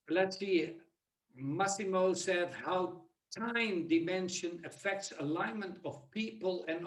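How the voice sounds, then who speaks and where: A man's voice: a little high, fairly bright tone. A man from the Netherlands with a Dutch accent, a native Dutch speaker, giving a webinar talk on a video call in an earnest, personal way. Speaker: webinar presenter. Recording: echoey, distant from the mic.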